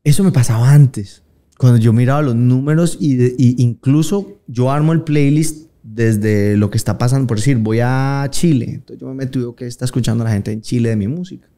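A man in his thirties with a Colombian Paisa accent, chatting casually in an interview, slangy and relaxed, acting out the voices of people he quotes. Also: medium pitch, a little fast. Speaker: interviewed singer.

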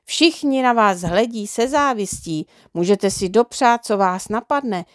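Woman doing a sly smooth-talking swindler. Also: medium pitch, lively intonation, dry recording, studio quality, lightly acted. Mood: persuasive.

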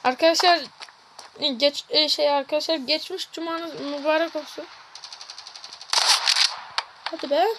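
A woman gaming streamer giving live gameplay commentary, excitable and yelping repeated words in tense moments. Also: sits high, measured pace, long pauses, noisy background. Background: loud game music and gunfire.

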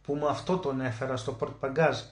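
A man narrating a literary short story as an audiobook, emotive, slowing down to stress key words. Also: mid-range voice, steady tone. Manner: emotive, with slow drawn-out emphasis on key words. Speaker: audiobook reader. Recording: roomy echo.

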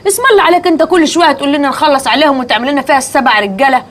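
A woman's voice: sits high, racing, close to an everyday voice. A woman playing an anxious nagging woman. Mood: worried. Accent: Egyptian Arabic. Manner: worried, nagging.

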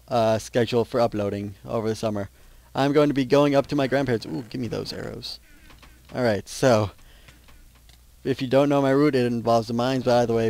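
A teenage guy talks through a game at a middle pitch, rambling and cutting himself off mid-thought. His voice sits close and dry on a gaming mic, with no room sound around it. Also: darkish tone, dry recording. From Minnesota. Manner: rambling, self-interrupting, chatty. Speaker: gaming channel host. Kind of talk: casual gameplay commentary.

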